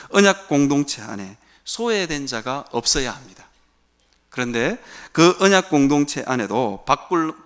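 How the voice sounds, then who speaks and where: A man's voice: medium pitch, a bit bright. A man preaching a sermon as a pastor, asking rhetorical questions and answering them himself. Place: church sanctuary.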